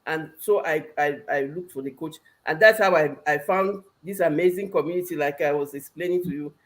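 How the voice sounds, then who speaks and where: A Cameroonian woman with a low voice and a Cameroonian accent speaks briskly as a talk show guest. She explains things conversationally, repeating points for emphasis.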